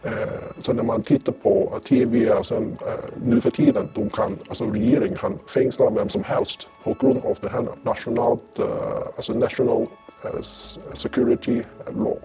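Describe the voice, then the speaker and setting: A man's voice: mid-range voice, very animated, normal speed, vocal fry, dark tone, faint music behind. A man from Hong Kong, interviewed with his voice disguised, speaking hesitantly with many fillers.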